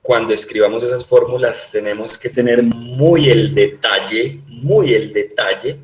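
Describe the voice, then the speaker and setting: Man, Colombian accent, teacher, patient, checks understanding, repeats himself, echoey room. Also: medium pitch. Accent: Colombian Spanish. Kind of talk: online class teaching spreadsheets.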